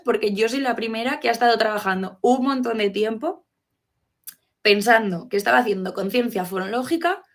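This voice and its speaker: A woman giving an explanatory talk to fellow professionals, asking rhetorical questions and checking in often. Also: mid-range voice. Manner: teacherly, poses rhetorical questions, frequent "¿vale?" check-ins. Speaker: educator giving a talk on literacy.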